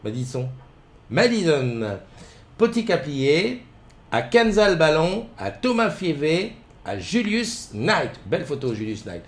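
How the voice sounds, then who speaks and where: A man's voice: fairly high pitch, very animated, unhurried. A middle-aged man hosting a casual morning live stream from home, rambling with many fillers and greeting viewers by name at a desk mic. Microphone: desk mic with webcams.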